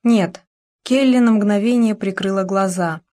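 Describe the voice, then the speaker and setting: A woman's voice: mid-range voice, moderate pace, darkish tone. Woman narrating an audiobook thriller.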